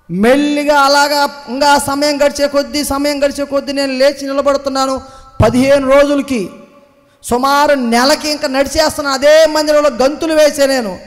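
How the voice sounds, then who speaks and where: A man with a very high voice preaches a testimony in a long, echoing church hall. He slips from quiet, hushed recollection into loud, ringing exclamations. He keeps urging the congregation to clap and answer amen. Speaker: preacher giving a personal testimony.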